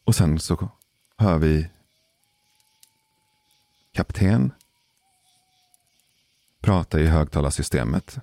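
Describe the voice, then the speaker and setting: A man telling a personal story in a casual, measured way, pausing for suspense. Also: a bass voice, dark tone, dry recording, studio quality. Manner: measured, deliberate pauses for suspense. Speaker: podcast storyteller.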